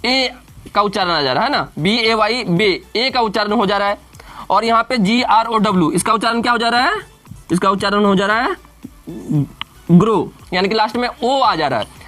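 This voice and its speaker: A male teacher giving a classroom grammar lesson, who keeps asking questions and answering them himself, spelling words out slowly letter by letter. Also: very high voice, pushed and bright.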